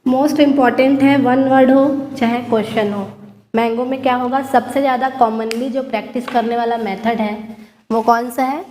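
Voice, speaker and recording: High-voiced woman teaching in an echoey room. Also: steady tone, darkish tone, slight background noise. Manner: explains step by step, often checking "theek hai?"; mixes in slowly dictated English lines. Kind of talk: classroom lecture.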